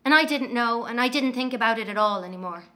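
A woman's voice: fairly high pitch, expressive, fast talker, pushed and bright. An actress playing an angry young Irish woman, telling of walking home at night in a dramatic monologue.

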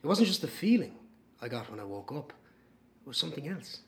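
An actor playing a haunted man, reflecting in a hushed, halting dramatic monologue. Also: a little high, very animated.

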